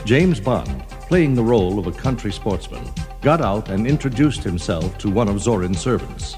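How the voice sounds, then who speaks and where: A man with a lowish voice reads a scripted children's adventure story aloud, his pitch swinging widely at a moderate pace. It sounds like a 1980s storybook cassette, with music playing underneath.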